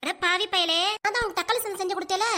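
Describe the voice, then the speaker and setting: A woman voicing a nagging cartoon granny, kanyakumari accent, high voice, talks super fast. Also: pushed and bright. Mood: scolding. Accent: southern Tamil, Kanyakumari. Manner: rapid, nagging and complaining. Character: scolding, fussy older grandmother and mother-in-law. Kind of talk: cartoon voice acting.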